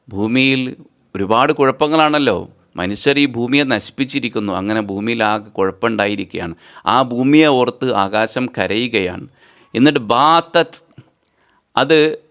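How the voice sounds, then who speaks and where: A male teacher going through a poem line by line for students. He recites each verse slowly and drawn out, then patiently glosses every word, repeating the meaning in several ways. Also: mid-range voice, a bit bright, clear, resonant tone.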